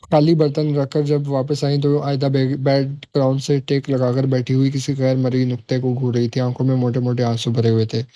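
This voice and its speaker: A man narrating a romance novel in a steady, unhurried storytelling voice. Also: a little high, dry recording, clean studio sound. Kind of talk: audiobook novel reading.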